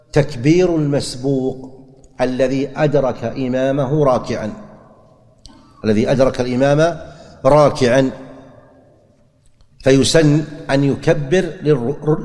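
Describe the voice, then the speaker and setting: A man's voice: medium pitch, a little mellow. Man lecturing in a reverberant hall. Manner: deliberate explaining, repeats key phrases, asks and answers his own questions. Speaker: religious teacher. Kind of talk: classroom lecture on religious rulings.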